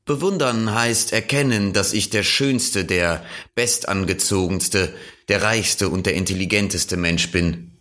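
A man voicing a vain, boastful man who craves admiration, with a preening, drawn-out way of speaking in an audiobook reading. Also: deep voice, a bit bright. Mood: pleading vanity. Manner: preening, drawn-out and self-satisfied.

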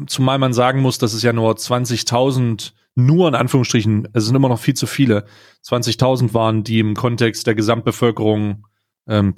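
Empörter Mann, trockener Klang. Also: male voice, on the low side, no room sound, clean studio sound. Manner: indignant, hesitant restarts, ranting. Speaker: podcast co-host. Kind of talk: casual political chat. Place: home studio.

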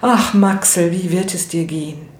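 A woman's voice: on the low side, moderate pace, a little mellow, pitched above the performer's own voice, close to an everyday voice. A reader voicing an anxious, doting wife of a showman, worried and pleading. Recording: roomy with faint noise.

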